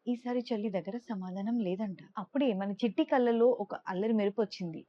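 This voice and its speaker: A woman reads a children's bedtime story aloud, lively and expressive, in a middle-pitched voice. The recording sounds a little dull and muffled. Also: a little fast. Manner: lively, expressive, raises pitch for characters' lines. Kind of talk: storybook narration with character voices.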